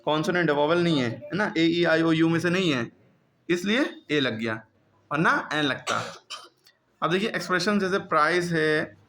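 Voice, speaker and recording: A man's voice: on the high side, lively intonation, normal speed, pushed and bright. A man teaching a classroom grammar lesson, who keeps repeating questions to his pupils.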